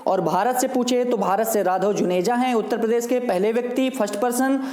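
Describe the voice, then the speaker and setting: A man's voice: very high-pitched, fairly even intonation, fairly quick, darkish tone. A man teaching exam students, repeating names and asking quiz questions as he explains memory tricks. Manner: repetitive, drills names with "ठीक है" and quiz questions. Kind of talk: classroom lecture with memory tricks. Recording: echoey room sound.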